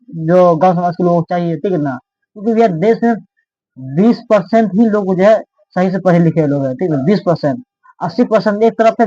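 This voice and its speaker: A man's voice: a little high, dark tone, no room sound. Man, casual political vlog, rambling, keeps checking in with viewers, dry close sound. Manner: rambling, keeps asking "ठीक है ना?". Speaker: political commentary vlogger. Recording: dull, lo-fi dry recording.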